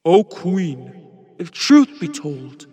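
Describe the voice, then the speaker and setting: A woman voicing a magic mirror in a storybook reading, in slow, solemn pronouncements. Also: on the low side, very animated, mellow, breathy edge, big-room sound, heavily acted. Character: vain cold magic mirror.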